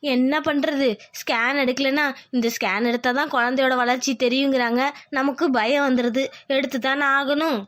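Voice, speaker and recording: Woman doing a tired pregnant young wife, high voice, dry close sound, cartoon. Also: fairly even intonation, moderate pace, few pauses, a bit bright, no room sound. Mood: worried. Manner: tired, complaining, polite. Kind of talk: cartoon voice acting.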